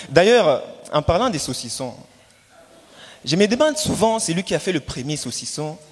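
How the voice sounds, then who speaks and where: A man with a high-pitched, very animated voice delivers punchy stand-up comedy. He acts out his stories theatrically and repeats phrases for emphasis. The sound rings with the long reverb of a hall. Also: normal speed, breathy edge. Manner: theatrical storytelling with acted-out dialogue and emphatic repetition. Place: live show in a hall. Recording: echoey hall, distant reverb, background noise.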